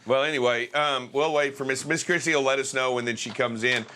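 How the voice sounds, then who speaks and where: Bright-voiced animated male talk show host. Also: medium pitch, quick pace. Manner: animated, exclaims and acts out reactions. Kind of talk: casual live talk show chat.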